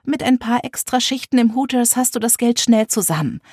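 A woman's voice: fairly high pitch, a little fast, darkish tone, breathy edge, no room sound, studio quality, voice pushed up. A woman voicing a flighty middle-aged mother with a drinking problem, who talks in a plaintive, pleading way. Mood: dismissive.

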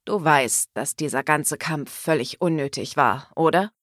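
Woman voicing a low, commanding domineering man. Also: fairly bright tone, dry recording, clean studio sound. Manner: slow, low, insistent murmur. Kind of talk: audiobook character voice.

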